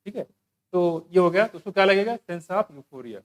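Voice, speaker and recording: A man with a fairly high voice teaching an exam-prep biology class. He explains casually, keeps asking his students rhetorical questions and drops English terms into his talk. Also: animated, measured pace.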